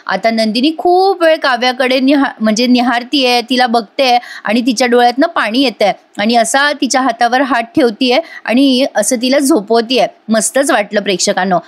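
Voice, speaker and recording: A woman's voice: fairly high pitch, normal speed, few pauses. A woman narrating a voice-over review of a TV serial episode, emotive and speaking directly to her viewers.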